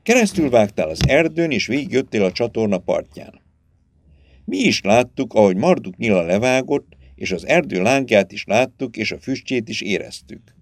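A man's voice: medium pitch, big pitch swings. A man reading aloud and voicing a firm, commanding young woman who takes charge. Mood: firm, earnest. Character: stern, resolute young woman, captive sister.

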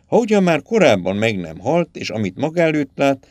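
A man reading a dark fantasy tale aloud, with scripted, dramatic narration. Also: medium pitch, very animated, dry recording. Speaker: audiobook narrator.

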